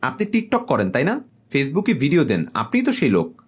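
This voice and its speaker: A man's voice: fairly high pitch, wildly swooping pitch, moderate pace, husky, heavily acted. A man voicing a polite, chummy male drama director in a storybook comedy. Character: friendly male drama director, smooth talker.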